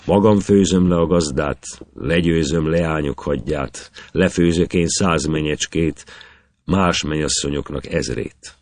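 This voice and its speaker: A proud young warrior hero of an old epic, bragging in rhythmic verse as a man reads him aloud. The voice sits extremely low and is recorded dry and close, with no room around it. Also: darkish tone, no room sound. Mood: boastful.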